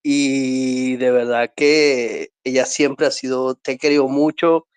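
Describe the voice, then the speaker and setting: A man calling in, talking in a warm, rambling way and laughing often. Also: mid-range voice, steady tone, takes it slowly, smooth, no echo. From Venezuela. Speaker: caller. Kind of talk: casual chat.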